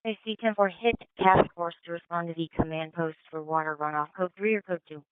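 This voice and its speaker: A fire dispatcher relaying requests over a two-way radio in a brisk, procedural way. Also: medium pitch, clear, resonant tone, no room sound. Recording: narrow-band, tinny two-way radio.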